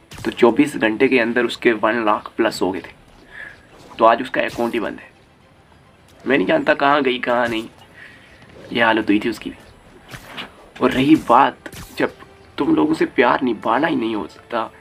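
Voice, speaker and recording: A man's voice: medium pitch, creaky, fairly bright tone. A young man giving a heated, crude commentary rant as a YouTube commentator, swearing freely. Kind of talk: ranting commentary.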